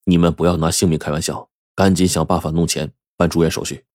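A stern middle-aged doctor delivering a warning, low-voiced and urgent , voiced by a male storyteller. The sound is dry and close. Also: level tone, fast, a little mellow, no room sound. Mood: grave. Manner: grave, urgent. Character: serious hospital doctor, middle-aged man.

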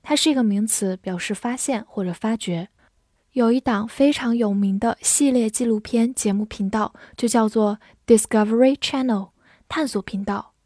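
A woman teaching English vocabulary, spelling words letter by letter and repeating them slowly for learners. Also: a little high, mellow, dry recording, studio quality. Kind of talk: vocabulary lesson.

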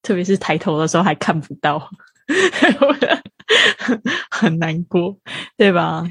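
A woman's voice: fairly low pitch, sing-song, slow pace, a bit bright, slightly rough, no room sound, clean studio sound. A woman hosting an online group session over a video call, informal and effusive, full of encouragement and praise. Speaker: host of online club session.

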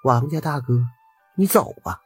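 A man voicing a ghostly young village woman who speaks softly and coaxingly from inside her lonely house. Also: fairly high pitch, very animated, measured pace, husky, soft background music, voice pushed up, full character voice. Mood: cool. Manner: gentle, hospitable, softly coaxing.

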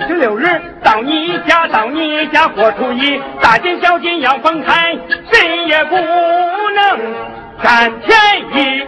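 A man's voice: very high-pitched, expressive, slow pace, loud music behind the voice, heavily acted. An actor singing a weary old father's complaint in Henan opera style, drawn out. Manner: sung, drawn out. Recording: dull recording with loud band.

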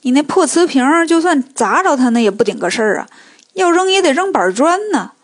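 A woman voicing a gruff, dismissive old male sage in a storybook tale, drawling slowly. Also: high-pitched, lively intonation. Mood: scoffing.

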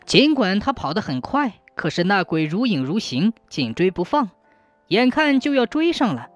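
Lively woman telling a ghost story. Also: medium pitch, normal speed, no echo. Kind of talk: scripted ghost-story narration. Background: faint background music.

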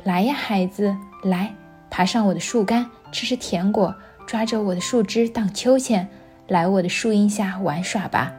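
A woman voicing a gentle, loving tree in a children's storybook reading, speaking softly and tenderly. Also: medium pitch, normal speed, soft background music, lightly acted.

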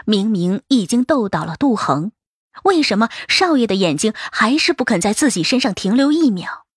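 A woman narrating a novel as an audiobook in a steady, even storytelling voice. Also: fairly high pitch, normal speed, breathy edge, no echo, studio quality.

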